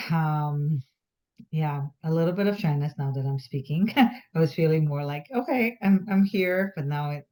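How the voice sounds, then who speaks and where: A woman's voice: sits low, darkish tone. A woman, sharing hesitantly in a group session. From Bulgaria. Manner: hesitant, many fillers, self-reflective. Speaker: workshop participant.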